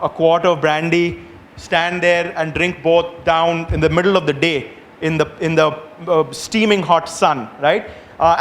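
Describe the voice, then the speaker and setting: Man giving a client presentation, voice a bit high, careful phrasing, slight background noise. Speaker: advertising agency presenter.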